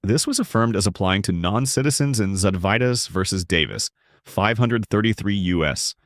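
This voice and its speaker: A man giving scripted narration that explains legal rights in a measured, emphatic way. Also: fairly low pitch, lively intonation, no room sound, studio quality.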